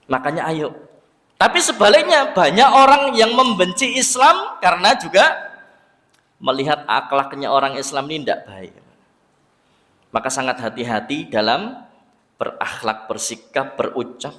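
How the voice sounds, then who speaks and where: Animated Javanese preacher in a reverberant hall. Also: male voice, fairly high pitch. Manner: animated, acts out voices in the story, addresses listeners as "Pak". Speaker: Islamic preacher. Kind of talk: mosque sermon with storytelling. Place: mosque hall.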